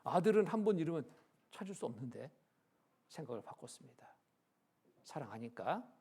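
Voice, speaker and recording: A middle-aged man preaching in a church as pastor, telling a story with sudden loud and hushed turns. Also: fairly high pitch, sing-song, moderate pace, husky. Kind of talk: sermon.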